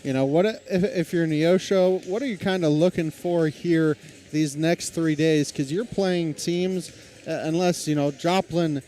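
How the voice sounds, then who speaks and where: A man announcing a high school basketball game play-by-play, talking in a casual, conversational way. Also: fairly even intonation, unhurried, few pauses, mellow, a little hiss or hum. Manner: conversational, reads lineups, self-deprecating.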